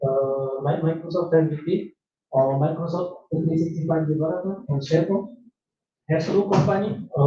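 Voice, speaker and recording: An echoey, dull recording from a distant mic captures a Tunisian man with a fairly high, mellow voice presenting at a technical conference in a large hall. His delivery is hesitant, marked by frequent fillers, restarts and non-native phrasing.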